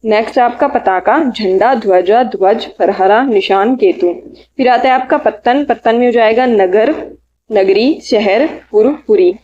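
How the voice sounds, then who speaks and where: A woman teaching exam vocabulary, listing synonyms in short bursts and adding quick study tips. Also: a little high, mellow, highs cut off. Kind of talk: reading out synonym lists for an exam lecture.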